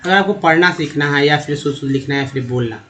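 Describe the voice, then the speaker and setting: A man teaching a slide-based language lesson as a voice-over, slowly spelling words out letter by letter and calling his viewers friends. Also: fairly high pitch, fairly bright tone. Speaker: English teacher.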